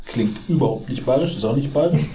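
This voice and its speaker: A man's voice: medium pitch, expressive, noisy background. A man from Bavaria, a guest in a casual podcast chat, telling stories with dry jokes. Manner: dry joking, slow storytelling.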